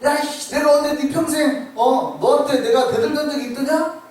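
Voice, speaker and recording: A man's voice: high voice, animated, fairly quick, a little mellow. A man voicing an exasperated male donkey who scolds his master, recorded from far off in an echoey church. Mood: exasperated scolding.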